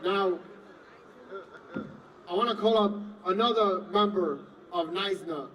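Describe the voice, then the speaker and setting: A man's voice: high voice, takes it slowly. A man emceeing a rally, hyping the crowd and calling up the next speakers. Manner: loud, hype-man shouting. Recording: distant mic, very loud crowd and noise.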